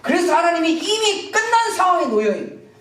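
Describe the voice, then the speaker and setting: A woman's voice: extremely high pitch, big pitch swings, fairly quick, fairly bright tone. A woman pastor preaching an impassioned sermon in a church, acting out scripture dialogue. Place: church sanctuary. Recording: echoey church, from a distance.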